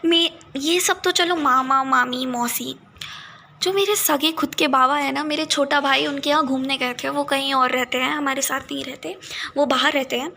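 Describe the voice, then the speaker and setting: A young woman from India vents to camera in a casual vlog. Her voice sits high and sounds bright and sharp. She drifts between languages, frustrated but talkative. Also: fairly even intonation, moderate pace, gravelly. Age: young adult. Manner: frustrated, mixing Hindi and English. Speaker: vlogger. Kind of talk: casual venting monologue.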